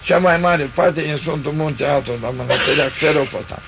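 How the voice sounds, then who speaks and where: Older priest telling a rambling story. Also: male voice, a little high, a bit bright. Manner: rambling, repetitive, vivid storyteller. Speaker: Orthodox priest. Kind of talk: spoken storytelling to listeners. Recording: dull lo-fi recording with faint noise.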